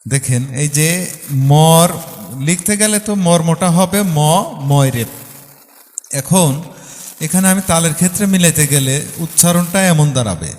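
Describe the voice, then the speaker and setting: Patient Bangladeshi male music teacher, slightly high voice, counts beats out loud, long reverb in the room. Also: expressive. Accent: Bangladeshi Bengali. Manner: patient and explanatory, counts beats aloud and sings short phrases slowly. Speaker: harmonium and singing teacher. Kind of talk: music lesson explaining rhythm and counting beats.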